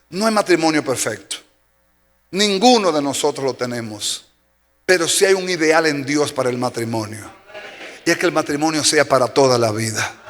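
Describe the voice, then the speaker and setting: Dominican pastor preaching in a reverberant church. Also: male voice, fairly high pitch, a bit bright. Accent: Dominican Spanish. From Dominican Republic. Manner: emphatic preaching, repeats key phrases for effect. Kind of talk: sermon. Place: church sanctuary. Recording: long church reverb with faint music.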